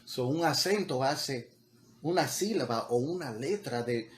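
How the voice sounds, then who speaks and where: A pastor delivers a sermon in a conversational way, repeating words, building to emphatic peaks and mixing in some English. His mid-range voice is expressive and unhurried, with slight background noise behind it.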